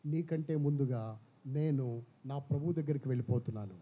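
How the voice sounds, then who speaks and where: A man preaching, voicing an apostle's wife who speaks softly and steadily, calm before her death. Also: mid-range voice, normal speed, slightly rough, natural voice. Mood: serene. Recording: slightly dull church recording.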